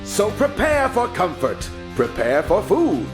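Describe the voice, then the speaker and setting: Grandiose advert pitchman, acted by a man, theatrical and unhurried, animated pitch, over music. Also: heavily acted. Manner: grandiose, theatrical, drawn-out delivery. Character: grandiose singing pitchman in a parody commercial. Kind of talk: parody TV advert.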